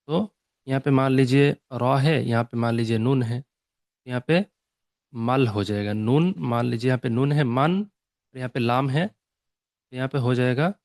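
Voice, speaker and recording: Man, recitation teacher, middle pitch, dry close sound, slows for definitions, checks understanding often. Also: a little mellow, no echo. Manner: mixes English terms into Urdu, checks understanding with repeated "okay?" and "clear?"; reads English definitions slowly and deliberately. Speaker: Tajweed teacher. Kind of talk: classroom lesson explaining rules.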